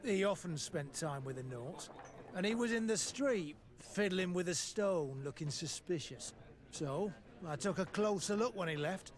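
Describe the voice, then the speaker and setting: A man's voice: high-pitched, animated, measured pace. A man playing a jovial, slurring town drunk, an old-hand soldier in a video game tavern who chats with sly familiarity. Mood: confiding. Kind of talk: video game character acting.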